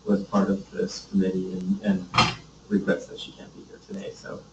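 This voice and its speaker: A man's voice: low voice, monotone, normal speed, heavy background noise. A man in a committee meeting discussion, speaking earnestly and trailing off at the end of his points. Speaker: committee member. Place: meeting room. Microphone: distant room mic. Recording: dull, echoey meeting room from far off.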